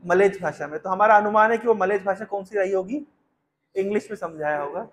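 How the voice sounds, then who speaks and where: A man giving a spiritual discourse, chanting verses slowly and then explaining them to a gathered audience with frequent questions. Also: high-pitched. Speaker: spiritual teacher.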